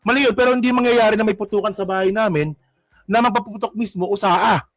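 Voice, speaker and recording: A man's voice: high-pitched, quick pace, fairly bright tone, no room sound, soft background music. A man with a Filipino accent giving casual political commentary, mocking and rambling as he reacts to clips. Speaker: commentary vlogger.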